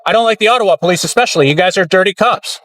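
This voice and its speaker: A man's voice: high voice, rapid-fire, a bit bright, no room sound, far from the mic. A man filming police outdoors, taunting and arguing with them. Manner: taunting, combative, sarcastic. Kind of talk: confrontational street argument. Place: outdoors on a street. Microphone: handheld camera.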